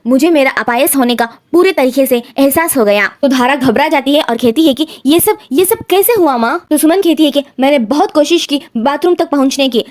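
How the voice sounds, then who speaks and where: A woman's voice: sits high, fairly quick, hardly any pauses. A woman narrating a recap of a TV serial episode, recounting each character's lines in turn and lightly acting the quoted lines.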